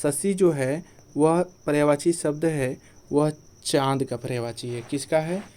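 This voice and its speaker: Man drilling grammar in a mellow voice. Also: fairly high pitch, fairly even intonation, measured pace. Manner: repeats each point as a quiz question, then answers it. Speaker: Hindi teacher. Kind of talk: exam-prep grammar lesson.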